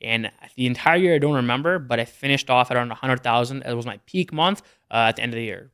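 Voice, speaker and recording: A young Canadian guest on a podcast, an entrepreneur, casually rattles off his business numbers in a plain, matter-of-fact way during an interview chat. He speaks fast in a mid-range voice with a fairly bright, clean tone.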